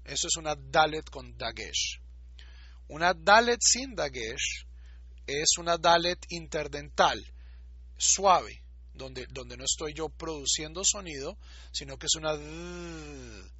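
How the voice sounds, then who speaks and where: A man's voice: on the high side, expressive, takes it slowly, sharp tone, breathy edge, dry recording, highs cut off. A man giving a recorded lecture, explaining patiently and repeating words to show how they are pronounced. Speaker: teacher.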